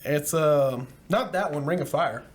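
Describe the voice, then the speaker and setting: A young man in casual chat who tells stories with lively, profane acted-out quotes. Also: a little high, unhurried. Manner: animated storyteller, profane, acts out quotes. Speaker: podcast co-host.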